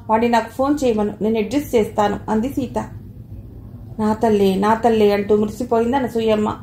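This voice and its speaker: A woman narrating an audio novel in a calm, even storytelling manner. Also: on the high side. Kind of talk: scripted narration. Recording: echoey room, faint hiss.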